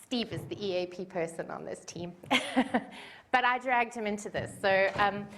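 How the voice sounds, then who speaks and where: In a conference room, a woman in her forties with a South African accent gives a talk, chatty and self-deprecating, with many fillers. Her voice is medium in pitch and fairly bright, she speaks at a normal speed, and there is slight background noise.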